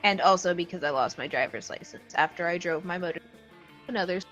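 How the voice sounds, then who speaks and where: A woman voicing a brash, crude teenage male demon from a dating game, swaggering and quick to take offense. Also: on the low side, a bit bright, muffled recording, soft background music, natural voice.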